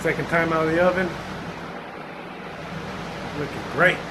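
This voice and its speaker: A man's voice: a little high, steady tone, measured pace, background noise. A man narrating his own workshop vlog in a loose, chatty way, with many fillers and restarts. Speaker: DIY vlogger.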